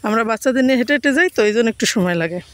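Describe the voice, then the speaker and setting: A woman from Bangladesh vlogging as she walks along a village road, speaking quietly and a little muffled by a face mask. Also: a little high, animated, racing, dry recording. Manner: soft-spoken, talks quietly in public. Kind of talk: casual walking vlog.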